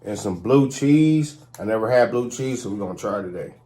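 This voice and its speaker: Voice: low voice, quick pace, a little hiss or hum. A mukbang host chatting casually to viewers while eating and tasting food. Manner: relaxed, addresses viewers as "y'all".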